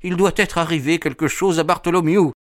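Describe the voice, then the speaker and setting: A jittery, frightened gentleman, played by a male reader, his voice lifted and strained with nerves. He pleads for help, heard close and dry in a storybook recording. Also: a little high, fairly even intonation, brisk, no room sound, pitched above the performer's own voice, close to an everyday voice. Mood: terrified. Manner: trembling, raised, pleading. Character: nervous, terrified middle-aged man. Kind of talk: audiobook reading.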